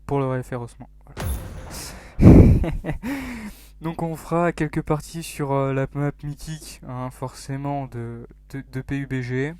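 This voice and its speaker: Joking young gamer. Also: male voice, medium pitch, darkish tone, smooth, no room sound. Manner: joking, self-mocking, rambling with fillers; drops to near-whispers in tense moments. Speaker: gaming YouTuber. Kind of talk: casual mobile game commentary.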